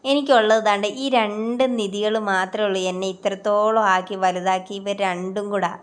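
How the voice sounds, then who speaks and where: A woman's voice: mid-range voice, steady tone, normal speed, smooth, lightly acted. A woman voicing an earnest young woman raised by her grandparents, in a narrated story.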